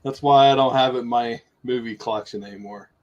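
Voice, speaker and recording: A man's voice: mid-range voice, steady tone, fast, a little mellow, lo-fi sound. A man co-hosting a podcast in casual chat, joking and laughing often. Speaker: podcast co-host.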